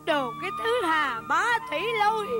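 A woman's voice: very high voice, expressive, normal speed. An actress playing a grieving mother in a comic stage play, wailing, sobbing and singing laments. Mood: angry. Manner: wailing, sobbing, sings folk-opera laments. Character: grieving mother, tearful and shrill, lamenting her son. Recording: stage recording with music behind.

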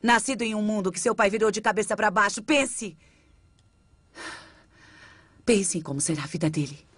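A woman dubbing a general's worried wife in a film trailer, speaking in an earnest, pleading way with a husky voice. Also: mid-range voice, moderate pace, fairly bright tone, no echo.

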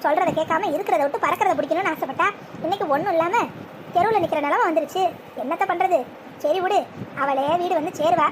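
A woman's voice: very high voice, fast talker, noisy background. A woman voicing a spiteful, scheming old grandmother in a cartoon, scornful and scolding.

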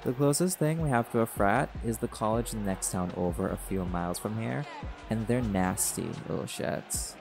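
A gravelly, fairly low male voice at normal speed carries this scripted roleplay monologue. The performer plays a chill, cocky jaguar shifter, a male pack alpha with a teasing, relaxed manner, as party music plays behind him.

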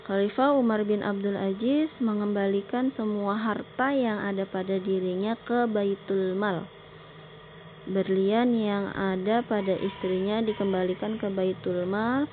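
A woman teacher giving a recorded slideshow lesson, explaining slowly and often pausing on filler words. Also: medium pitch, fairly even intonation. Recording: tinny phone-like sound with faint noise.

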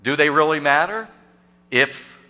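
A pastor in his sixties preaches into a gooseneck podium microphone in a large indoor church sanctuary, where a long reverb trails his words. His voice is a little high, bright and forceful, expressive and unhurried, yet hesitant and full of fillers as he poses questions to the congregation.

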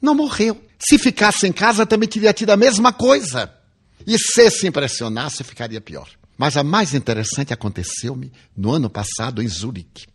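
An older Brazilian man with a Brazilian Portuguese accent gives a spiritual lecture in a somewhat high, husky voice at a moderate pace. He's a lively storyteller, packing the talk with personal anecdotes and playful humor and acting out the dialogue.

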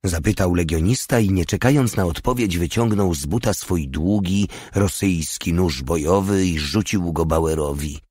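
A man narrating an audiobook in a measured, even reading. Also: deep voice, slightly rough, no echo, studio quality.

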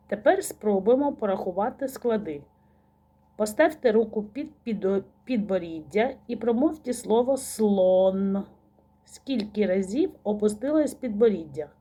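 A woman teaches a recorded lesson for small children in a slow, patient way. Her voice is husky and mellow. She asks questions, then waits and praises the answers. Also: medium pitch.

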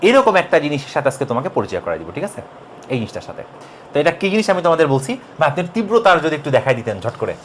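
A man's voice: a little high, racing, slight background noise. A young man teaching a casual physics lesson, joking and talking straight to the viewers. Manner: lively, jokey, talks to viewers as you. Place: classroom recording.

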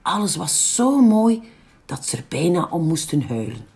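A woman's voice: fairly low pitch, gravelly. A woman with a Flemish accent reading a picture book aloud for young children. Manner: slow, very lively storytelling. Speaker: library storyteller.

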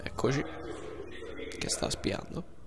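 A man's voice: takes it slowly, a bit bright, faint music behind. A man giving casual, slangy, joking commentary over gameplay.

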